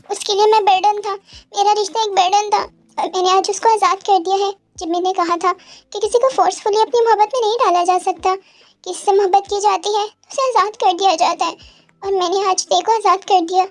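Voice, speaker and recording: A woman's voice: very high-pitched, fairly even intonation, brisk. A woman voicing a heartbroken young mafia boss man who cries as he talks, in a Hindi audio story. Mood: despairing. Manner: tearful, pleading delivery.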